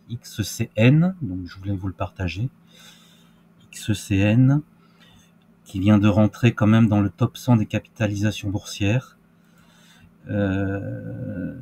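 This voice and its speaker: A man's voice: fairly low pitch, a little mellow, slight background noise. A man giving casual crypto market commentary, hesitant with many fillers and restarts. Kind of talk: casual screen-share market analysis.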